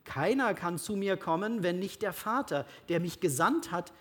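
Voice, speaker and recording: A Bible reader speaking the lines of Jesus as a calm, solemn teacher, slow and deliberate, with a husky tone. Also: mid-range voice, natural voice.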